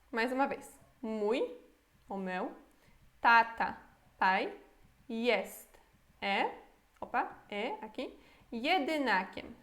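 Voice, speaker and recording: A woman's voice: fairly high pitch, fairly bright tone. A woman with a Brazilian Portuguese accent teaching a beginner language lesson, patiently breaking words into syllables and checking in often. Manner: patient, slow syllable-by-syllable pronunciation drills, checks in with "tá?". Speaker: Polish teacher.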